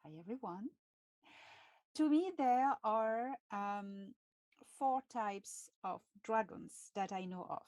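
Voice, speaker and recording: Slow-speaking woman with a French accent. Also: mid-range voice, darkish tone, no room sound. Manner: halting, many fillers and restarts, laughs often. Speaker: channel host. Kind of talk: live stream talk.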